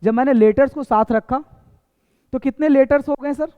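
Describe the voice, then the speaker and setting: A man with a very high, clear, resonant voice talks at normal speed as he teaches introductory English. Repetition and rhetorical quizzing mark his classroom style, and the sound is echoey and tinny, as if from a phone in a hall.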